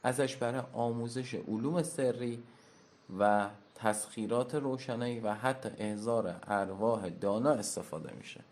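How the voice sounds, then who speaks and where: A man teaching in a classroom-style lecture at a whiteboard, explaining step by step and slowly spelling out pronunciations. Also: mid-range voice, a little mellow. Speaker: teacher of occult lore.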